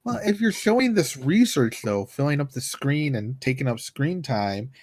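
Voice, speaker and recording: Male co-host, middle-pitched, confused questioner, dry studio mic. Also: lively intonation, a little mellow, dry recording. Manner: puzzled questions, quick reactions. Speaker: podcast co-host. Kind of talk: casual chat.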